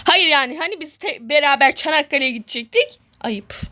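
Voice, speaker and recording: A gamer vlogger with a high, expressive, sharp-toned voice chats briskly while playing in casual let's-play style. She rambles, jokes at her own expense, and repeats the same words over and over.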